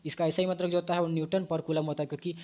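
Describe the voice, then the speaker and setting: A man's voice: a little high, flat delivery, very fast, a little mellow, muffled recording. A man giving an exam-prep physics lesson. He explains step by step at a board, corrects himself as he goes, and repeats key points back to the viewers as questions. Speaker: physics teacher.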